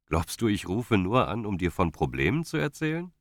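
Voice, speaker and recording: A man's voice: on the low side, lively intonation, measured pace, no echo, studio quality, voice pushed up. A male audiobook narrator voicing an earnest, hesitant young man on the phone. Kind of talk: audiobook character voice.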